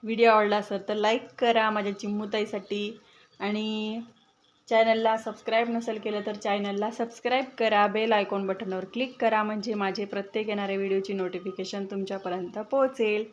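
A woman's voice: flat delivery, a little fast, highs cut off, slight background noise. A woman with a Marathi accent, chatting casually in a home vlog while coaxing and calling her pet bird. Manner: coaxing, calls the bird with high chirpy sounds. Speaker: vlogger.

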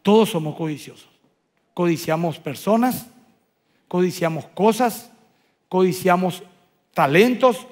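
A man preaching as a pastor, swinging between loud bursts and soft, hushed lines. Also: high-pitched. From Paraguay. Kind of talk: sermon. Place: church auditorium. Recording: large hall with long reverb.

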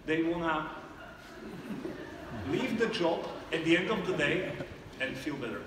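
A man's voice: on the high side, lively intonation, a little slow, background noise. A man, a startup founder answering judges' questions on a theater stage, hesitant with many fillers and restarts. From Slovakia. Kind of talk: live pitch Q&A on stage. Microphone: far camera in the audience. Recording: echoey hall from far off.

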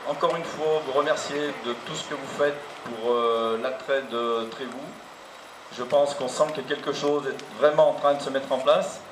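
Male local official, public speech, hesitant phrasing, echoey open square, clearly noisy recording. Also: medium pitch, steady tone, normal speed. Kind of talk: semi-improvised public speech. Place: open town square outdoors.

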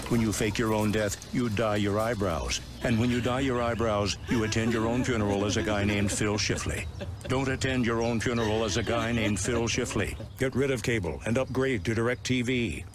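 A man voicing a deadpan, cautionary announcer in a scripted TV commercial. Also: on the low side, normal speed, close to an everyday voice. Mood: deadpan warning. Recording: noisy commercial soundtrack.

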